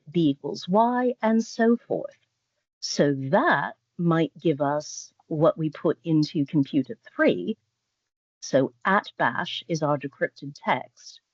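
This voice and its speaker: A woman taking part in an online session, explaining puzzle solutions in a measured, analytical way over a video call. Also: low-pitched, a little mellow, dry recording, highs cut off. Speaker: session participant.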